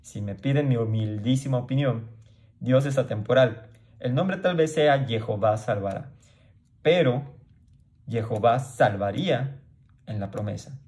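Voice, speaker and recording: Man, Bible teacher, casual explanatory delivery with frequent check-ins, mid-pitched voice. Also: unhurried, a little mellow. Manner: conversational, frequent "¿sí?" checks, restarts; acts out crowd voices in quoted lines.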